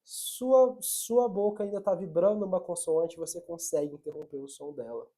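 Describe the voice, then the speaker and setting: A woman's voice: fairly low pitch, moderate pace, warm tone. A woman English teacher, patiently explaining a lesson and repeating the examples aloud.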